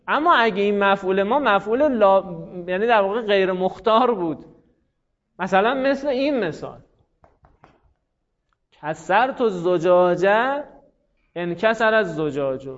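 High-voiced man teaching a class. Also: expressive, fairly bright tone, muffled recording. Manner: explains step by step and asks the class questions. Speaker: teacher of Arabic grammar. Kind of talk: classroom lecture.

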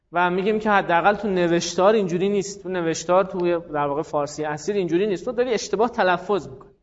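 A man's voice: sits high, big-room sound, highs cut off. A man teaching a class, explaining step by step and putting questions to his students. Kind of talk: classroom lecture.

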